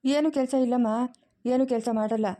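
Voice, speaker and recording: A woman's voice: high voice, moderate pace, mellow, lightly acted. A woman from the Chikkaballapur region playing a kindly old village grandfather in a family drama, speaking patiently and soothingly with a rural Kannada accent. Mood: explaining. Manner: patient, soothing, explains at length. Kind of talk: amateur family drama acting.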